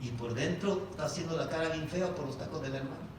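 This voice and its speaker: A man with a fairly high voice preaches quickly, addressing the congregation as "hermano," or brother, and rattling off rhetorical questions. It was recorded from a distance in a large, echoey church hall, with background noise.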